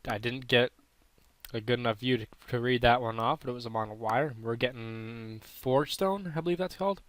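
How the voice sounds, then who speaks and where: A man's voice: medium pitch, moderate pace, fairly bright tone, no room sound. A man with a throat irritation giving casual, unsure, self-correcting commentary while playing a mobile game. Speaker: gaming channel host.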